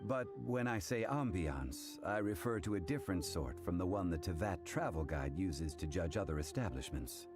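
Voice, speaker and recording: An actor playing a composed, courteous and refined gentleman in video game dialogue, speaking formally. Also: low-pitched, expressive, over music. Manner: formal, measured wording.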